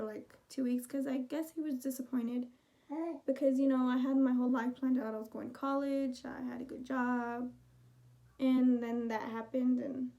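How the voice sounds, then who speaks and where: Chatty young woman, high mellow voice. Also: dull audio. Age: 20s. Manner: chatty, rambling, heartfelt. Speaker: vlogger. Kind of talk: casual storytelling vlog.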